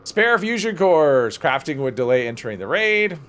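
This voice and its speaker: Fairly high-pitched and very animated, this livestream host speaks at a moderate pace with a fairly bright tone. He muses out loud as he plays, drifting off into chatty tangents.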